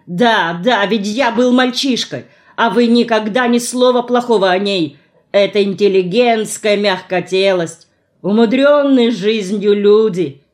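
A woman reading the lines of a young man who is usually calm and reserved but now in despair, in an audiobook. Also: medium pitch, slow pace, natural voice. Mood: agitated.

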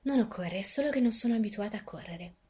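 A woman's voice: mid-range voice, animated, quick pace, warm tone, lightly acted. A woman voicing a prim older retired headmistress who is out of breath. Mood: flustered.

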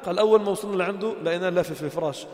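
A man's voice: high voice, rapid-fire, a little mellow. A man preaching to a gathering. He tells stories with acted-out dialogue and builds to emphatic appeals. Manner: storytelling, acts out quoted dialogue, builds to emphatic exhortation. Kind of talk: informal sermon to a gathering. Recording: echoey hall.

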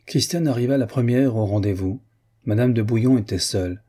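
A man narrating an audiobook of a classic novel in a measured, even way. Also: medium pitch, husky.

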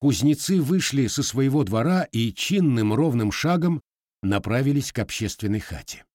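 A male audiobook narrator reading a story with a very lively, rising and falling pitch. His voice sits in a middle register and sounds close and dry, with no room around it. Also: moderate pace, no echo. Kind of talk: scripted narration.

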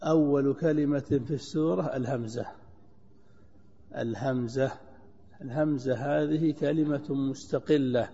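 A man's voice: mid-range voice, mellow, breathy edge. A man teaching a grammar class as a sheikh, putting questions to his students and repeating their answers back with emphasis. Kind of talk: classroom lecture quizzing students. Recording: dull lo-fi with long hall reverb.

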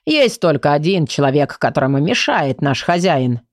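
A woman's voice: low voice, big pitch swings, normal speed, no room sound, studio quality, voice pushed down. A woman voicing a grumpy, curt male book who grumbles his answers.

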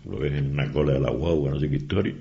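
An older man talks in a very deep, gravelly voice. He is an animated storyteller who acts out the people he quotes, and the recording sounds dull and lo-fi. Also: fast. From Canary Islands. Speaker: interviewee. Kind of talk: conversational interview.

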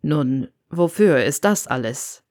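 Sardonic male professor played by a woman, dropped low, slow oily drawl, audiobook reading. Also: lively intonation, darkish tone, no echo, clean studio sound. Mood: probing. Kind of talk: fan fiction audiobook reading.

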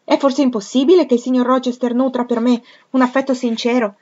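A woman's voice: lowish voice, fairly quick, highs cut off. A woman reading a proud, spirited young governess who answers in a heated, emphatic way. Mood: indignant.

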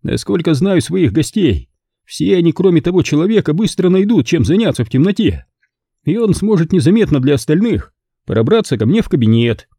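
A smug, boastful club owner full of glee, as an audiobook reader puts him on. He talks in a high, lively voice with a husky edge. The recording is dry and close. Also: brisk, dry recording, exaggerated voice. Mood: condescending. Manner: gleeful, condescending, boastful. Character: playful, smug middle-aged male club owner. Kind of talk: audiobook character voice.

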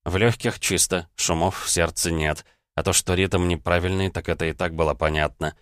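Deep-voiced male audiobook narrator. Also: steady tone, moderate pace, fairly bright tone, clear, resonant tone, no echo, clean studio sound. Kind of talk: scripted first-person narration.

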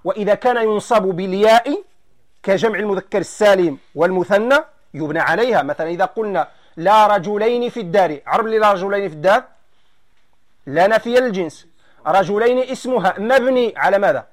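A man with a Moroccan Arabic accent teaching a grammar lesson, explaining slowly and quizzing his students. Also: sits high.

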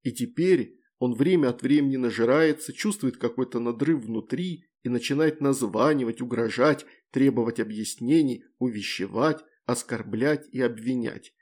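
A man reading fantasy fiction aloud in an even, measured narrating voice. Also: medium pitch. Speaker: audiobook narrator. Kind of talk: scripted narration.

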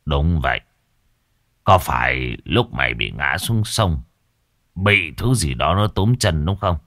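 A man voicing a greedy, smug old village exorcist who talks down in a low, slow growl. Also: expressive, fairly bright tone, no echo, studio quality, exaggerated voice. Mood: menacing, smug.

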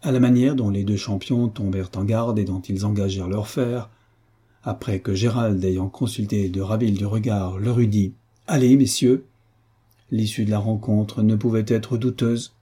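A man reading a classic novel aloud as an audiobook, in a measured literary narration with a husky voice. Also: on the low side, steady tone, dark tone. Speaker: audiobook reader. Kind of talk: scripted narration.

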